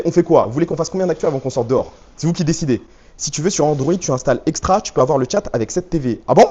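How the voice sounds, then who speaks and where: A man with a fairly high, warm voice is live streaming from a handheld phone rig with a stabilizer, joking around in slang with viewers and reading their chat messages out loud. The highs in the audio are cut off.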